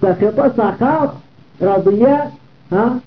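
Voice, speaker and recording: A man's voice: sits high, slow. A man giving a classroom grammar lesson, repeating word patterns and asking his listeners rhetorical questions. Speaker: Arabic grammar teacher. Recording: tinny phone-like audio.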